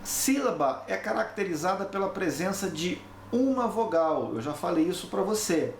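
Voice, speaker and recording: A man's voice: high-pitched, lively intonation, moderate pace. A man teaching a recorded lesson, explaining step by step and checking in with tag questions as he repeats the key points. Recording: echoey room, faint background noise.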